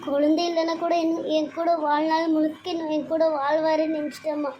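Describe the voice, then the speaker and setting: A woman's voice: high voice, flat delivery, fairly quick, muffled recording, slight background noise, close to an everyday voice. A woman voicing a betrayed young wife in a cartoon serial, grieving and bitter. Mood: tearful. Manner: grieving, pleading, then bitter. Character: young wife, betrayed and tearful, turning vengeful. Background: music.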